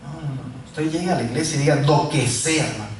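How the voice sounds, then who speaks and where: A man from Mexico, preaching a sermon full of personal testimony and swinging from loud calls to quiet asides. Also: fairly high pitch, quick pace. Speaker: pastor. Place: large echoey church hall. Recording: echoey church hall, mic far off, faint noise.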